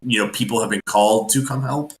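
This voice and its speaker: A man's voice: on the low side, steady tone, a little fast. A man playing a tabletop game, easygoing and a bit hesitant, with many fillers. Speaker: player. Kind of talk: casual game chat. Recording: echoey room.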